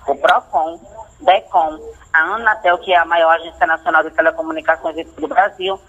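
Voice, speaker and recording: A man on a landline phone call, announcing a prize in a rapid, insistent scripted pitch and often asking if everything is all right. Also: fairly even intonation, sharp tone. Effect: heard over a landline phone. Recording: muffled phone line with faint hiss.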